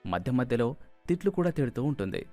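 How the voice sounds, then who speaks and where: A male narrator telling a cartoon moral story. He reads at a brisk pace in a middle pitch. Light music runs underneath. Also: sing-song, darkish tone. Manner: plain storytelling.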